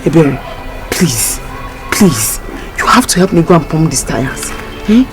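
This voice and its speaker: A woman's voice: sits low, big pitch swings, unhurried. A woman with an Igbo-influenced Nigerian accent acting a harried, pleading young working woman in a film drama. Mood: flustered. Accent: Nigerian, Igbo-influenced English. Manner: pleading, exclamatory. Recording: music behind the dialogue.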